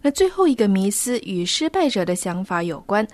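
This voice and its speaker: Measured female radio co-host, dry studio. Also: medium pitch, very animated, darkish tone, no echo.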